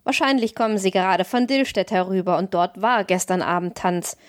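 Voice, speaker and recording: A woman voicing a gruff, good-natured old male forester in an audiobook, with folksy, blunt talk. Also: mid-range voice, a little fast, no room sound, studio quality, natural voice. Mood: kindly. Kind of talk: audiobook reading.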